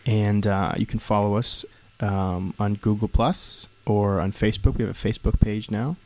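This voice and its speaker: A man co-hosting a casual podcast in a low, relaxed radio voice. He talks in a measured, unhurried way. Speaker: podcast co-host.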